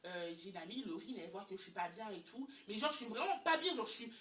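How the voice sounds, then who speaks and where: Animated young woman in an echoey room. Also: mid-range voice, fast, slight background noise. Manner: animated, exasperated retelling with repeated words. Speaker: storyteller. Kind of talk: casual storytime chat. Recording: echoey room, far from mic.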